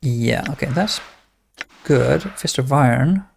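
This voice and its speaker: A man's voice: medium pitch, expressive, takes it slowly, vocal fry, a little hiss or hum. A man giving casual game commentary, thinking aloud and reading text from the screen. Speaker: let's-play host.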